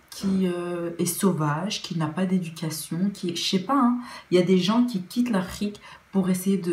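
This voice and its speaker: A woman's voice: lowish voice, darkish tone. A young Belgian woman with a Belgian French accent, talking earnestly in a casual opinion vlog, often restarting her sentences. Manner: earnest, with many restarts and fillers. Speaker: vlogger. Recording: roomy echo.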